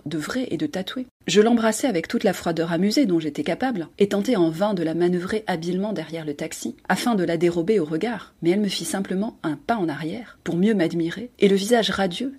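Casting: woman narrator, low pitch, breathy, measured expressive audiobook reading. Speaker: host and reader.

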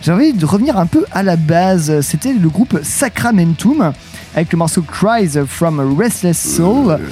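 A man's voice: high-pitched, expressive, measured pace, dark tone. A man hosting a music radio show, chatting casually with many fillers. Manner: hesitant, lots of fillers.

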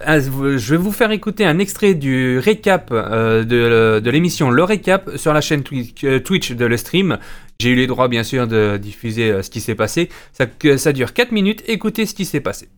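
Lively, smooth-voiced male host. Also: medium pitch. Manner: hesitant, many fillers. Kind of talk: casual podcast hosting.

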